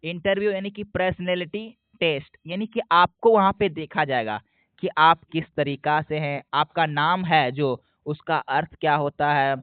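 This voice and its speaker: A man teaching an exam prep lesson, asking questions and answering them himself, repeating key points slowly. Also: on the high side, clear, resonant tone, no room sound. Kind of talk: explanatory lesson. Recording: dry, phone-like narrow sound.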